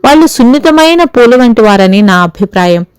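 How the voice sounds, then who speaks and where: A woman's voice: on the high side, expressive, normal speed, darkish tone, clear, resonant tone, dry recording, natural voice, rough recording. A woman voicing a troubled young husband as he earnestly confesses an old fear. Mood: confessional.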